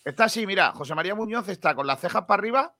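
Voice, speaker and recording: A man's voice: high voice, expressive, racing, bright, forceful tone, no echo, clean studio sound. A man hosting a casual sports talk show, joking and reading viewer comments aloud. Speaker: host.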